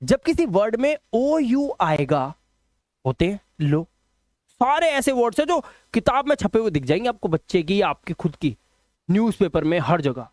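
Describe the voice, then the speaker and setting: A man's voice: high-pitched, very animated, moderate pace, darkish tone, no echo, studio quality. A male English teacher running a phonics lesson, drilling pronunciation rules and scolding his students.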